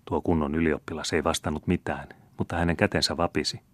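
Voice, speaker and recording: A man reading an audiobook in measured, even storytelling narration. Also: very deep voice, no room sound. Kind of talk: scripted narration.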